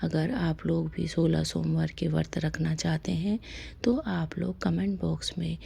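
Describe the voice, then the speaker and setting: Female devotional host, low gravelly voice, unhurried soft-spoken instruction with whispered line endings. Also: steady tone. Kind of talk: devotional instruction on a fasting ritual.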